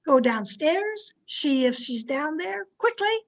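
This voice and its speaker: In an old-time radio thriller, a woman plays a domineering, fearful, haunted wife, using an imperious, dramatic delivery laced with halting dread. Here she sounds imperious and suspicious, her high voice sing-song and fully in character.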